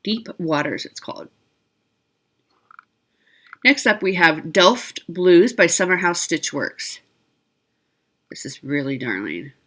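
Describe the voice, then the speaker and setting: A woman hosts a needlework shopping video, narrating a casual product showcase in a chatty, informal way, often correcting herself and adding asides. Her fairly low voice has lively intonation and a slightly bright tone, and she speaks slowly with long pauses.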